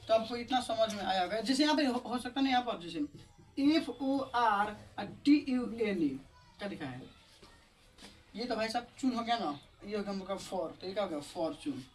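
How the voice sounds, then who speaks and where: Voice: mid-range voice, animated, normal speed. An English pronunciation teacher gives an online video lesson. The teacher spells words letter by letter and asks and answers their own questions in a casual, chatty way. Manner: explains step by step in a casual, chatty tone. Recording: voice a little distant from the mic.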